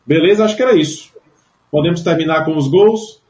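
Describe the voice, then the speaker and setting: A Brazilian man casually hosting a sports radio show, talking unscripted in a halting way with repeated words. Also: on the high side, a little mellow. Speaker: host of a football club radio show. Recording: dull, echoey web radio sound.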